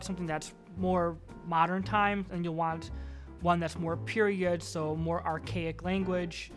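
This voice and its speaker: A man's voice: high voice, a bit bright. A man hosting his own vlog, giving friendly, encouraging advice on acting as an instructional talk. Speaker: acting coach vlogger.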